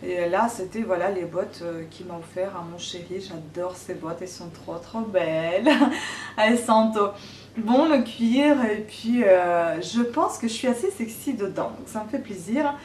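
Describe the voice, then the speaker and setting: A woman's voice: mid-range voice, darkish tone, slight background noise. A woman, chatting hesitantly to camera as a vlogger showing her gifts. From Ukraine. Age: 30s. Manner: chatty, hesitant, many pauses. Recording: roomy, distant from the mic.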